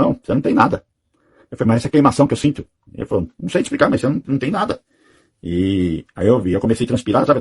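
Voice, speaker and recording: Husky man telling a fast, rambling testimony. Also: medium pitch. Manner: rambling, tags sentences with "sabe?" and "né?". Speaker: testimony giver. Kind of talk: personal testimony.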